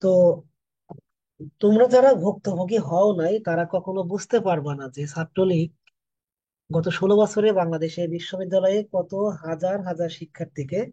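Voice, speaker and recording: A soft-spoken man in his thirties from Bangladesh, teaching an online English class for admission coaching. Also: high-pitched, moderate pace, no room sound, highs cut off.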